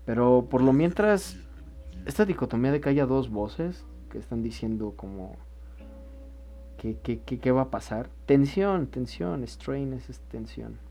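A man co-hosting a casual podcast, his voice soft and mellow. He talks in an animated way, swears freely and thinks aloud with many restarts. Faint music sits underneath. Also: mid-range voice, a little slow. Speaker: podcast co-host. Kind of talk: casual chat about song lyrics.

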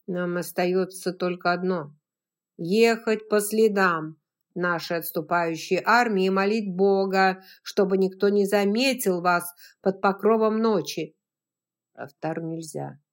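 A woman voicing a bold Southern gentleman who speaks firmly and scolds, then soothes in a hushed voice. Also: medium pitch, unhurried, lightly acted. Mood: stern.

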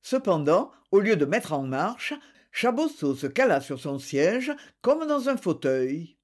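A man's voice: sits high, big pitch swings, measured pace. A man reading a detective novel aloud as scripted narration, voicing the dialogue with animation. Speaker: audiobook reader.

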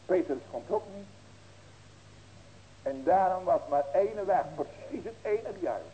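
Earnest older pastor, mellow voice. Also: male voice, sits high, expressive, a little slow, slight background noise, poor audio. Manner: earnest, building to emphatic ringing cries; folksy asides and rhetorical questions. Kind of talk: sermon.

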